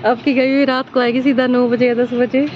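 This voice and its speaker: High-voiced woman with a cold chatting. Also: level tone, brisk, dull audio, slight background noise. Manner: chatty, talks straight to viewers. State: has a head cold. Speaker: home vlogger. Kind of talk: casual chatty home vlog. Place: home, kitchen and house.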